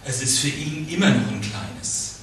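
A man's voice: mid-range voice, very animated, measured pace. Man preaching in a very echoey room. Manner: chatty, repeats words, asks listeners "ne?". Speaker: preacher leading a Bible study. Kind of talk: conversational Bible teaching. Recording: very echoey room, distant mic, faint noise.

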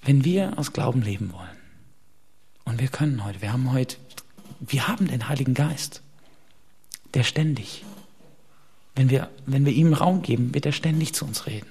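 A man preaching a sermon to his congregation, dropping to hushed whispers and rising to loud emphatic peaks. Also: mid-range voice, animated, moderate pace, gravelly, long pauses, breathy edge. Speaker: pastor.

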